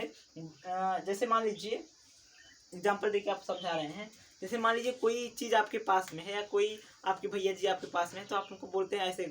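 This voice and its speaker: A woman teacher takes her students through a lesson step by step, posing a question and answering it right away. Her voice sits at a middle pitch and sounds a little far from the mic, with a faint wash of noise behind it. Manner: asks questions and answers them herself, repeats key terms. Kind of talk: recorded classroom lesson.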